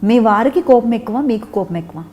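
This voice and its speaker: A woman's voice: fairly high pitch, animated, fairly quick, warm tone, lo-fi sound. A woman hosting an interview, coaxing and teasing her guest with frequent laughs. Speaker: interview host. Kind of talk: casual interview chat.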